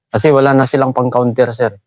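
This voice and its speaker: A man's voice: medium pitch, level tone, fast talker, dry recording. A middle-aged Filipino man, a special forces team sergeant, recounting a combat story respectfully and calling his interviewer "sir" at nearly every phrase. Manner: deferential, says "sir" constantly.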